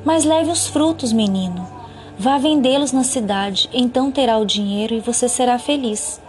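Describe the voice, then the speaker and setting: A woman voicing a gentle, giving female tree in a storybook, speaking tenderly and softly pleading. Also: fairly high pitch, moderate pace, soft background music, natural voice. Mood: apologetic. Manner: tender, soft-spoken, pleading.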